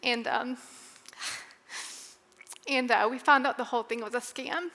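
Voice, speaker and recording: A woman speaks to a women's Bible study in a candid, conversational way, pausing and restarting as she works through a personal story. Her voice sits fairly high and sounds bright and clear. A long hall reverb trails behind her words. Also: fairly even intonation. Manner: candid, conversational, with fillers and emotional pauses. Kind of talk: personal testimony devotional talk.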